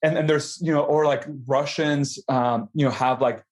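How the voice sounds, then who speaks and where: A young adult man from Mexico, a food company founder, talks reflectively as a podcast guest in a casual conversation, with a crowd audible behind him. His medium-pitched voice is steady and moderately paced, though he uses many fillers and restarts.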